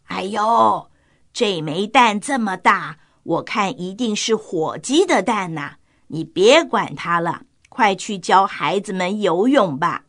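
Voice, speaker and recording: A woman's voice: medium pitch, expressive, slow, fairly bright tone, voice pushed down, exaggerated voice. A woman voicing a blunt, fussy old grandmother duck in a children's storybook, handing out bossy advice. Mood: dismissive, bossy.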